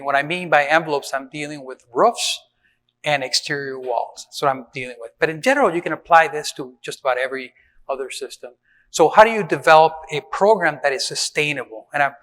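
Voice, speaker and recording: Brief: middle-aged man from Venezuela, fairly high voice, informal conference talk, hall reverb. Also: a bit bright. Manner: conversational, with frequent fillers and restarts. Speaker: conference speaker on building maintenance.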